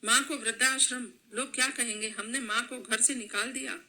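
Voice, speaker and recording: A woman narrator puts on a young husband torn between his wife and his mother, scolding one moment and begging the next. The voice stays very bright. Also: fairly high pitch, fairly even intonation, normal speed, poor audio. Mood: stern. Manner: pleading, then scolding.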